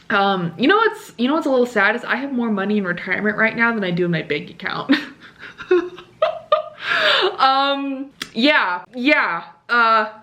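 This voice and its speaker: A young woman chatting casually to her camera as a book vlogger, giggly and animated as she tells stories. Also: mid-range voice.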